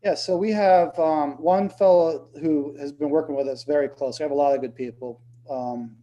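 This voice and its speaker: A man's voice: a little high, fairly even intonation, moderate pace, warm tone, muffled recording, slight background noise. A man who has just turned fifty, answering interview questions in an easygoing, rambling way with many fillers. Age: 50s. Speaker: tournament director.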